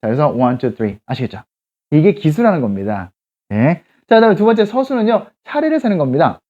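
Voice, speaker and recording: A man teaching children in a church class, patient and explaining slowly while he checks in often with the kids. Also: a little high, very animated, mellow, highs cut off. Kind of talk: explaining Bible verses to children.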